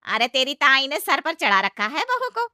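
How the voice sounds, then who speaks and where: A woman playing a loud, taunting aunt-in-law. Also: high voice, very animated, moderate pace, no echo, clean studio sound, voice pushed up, full character voice. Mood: mocking. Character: scolding middle-aged aunt-in-law, tradition-bound. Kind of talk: cartoon story voice acting.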